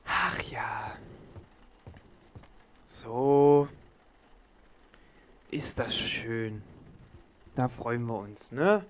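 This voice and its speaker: Playful, animated male gamer voice. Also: mid-range voice, drawn-out words, long pauses. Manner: talks to the game baby in a teasing, playful way. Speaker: let's play gamer. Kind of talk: casual gameplay commentary.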